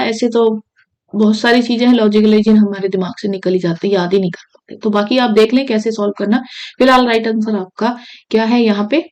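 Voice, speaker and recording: A woman's voice: a little high, rough recording. A woman teaching Hindi grammar for exam prep, checking in with her students as she explains. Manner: repeats "ठीक है" often, asks students questions.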